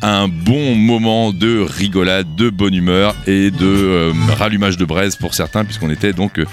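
Middle aged guy hosting radio, deep voice, lots of pauses, hesitant, bit of music. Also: steady tone. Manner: hesitant, stretching out words. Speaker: radio host. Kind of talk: unscripted, halting radio presentation.

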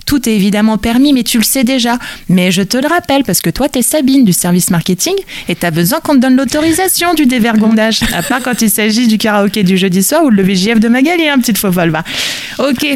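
A woman's voice: a little high, expressive, fast, a little hiss or hum. A woman delivering a humorous, theatrical monologue as a radio columnist, full of wordplay and playful asides.

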